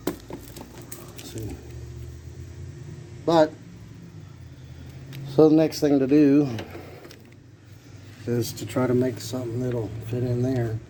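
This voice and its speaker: A man's voice: medium pitch, little pitch movement, takes it slowly, pauses often, mellow. Man narrating car repair over noise. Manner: plain-spoken, thinking aloud. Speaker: amateur car repair vlogger. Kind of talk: casual hands-on repair narration. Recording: clear background noise, vehicle ambience.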